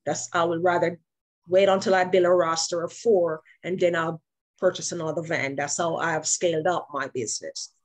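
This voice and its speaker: A woman's voice: lowish voice, steady tone, moderate pace, rough recording. A woman who runs a vanpool business, speaking firmly and plainly in a video call meeting. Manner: firm, plainspoken. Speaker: vanpool owner.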